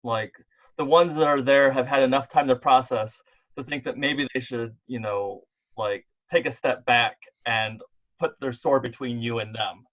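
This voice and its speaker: A man's voice: mid-range voice, steady tone, normal speed, a bit bright. A man narrating as game master of a tabletop game played over an online call, thinking aloud as he goes. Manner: laid-back, thinks aloud while narrating. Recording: dull lo-fi online call audio.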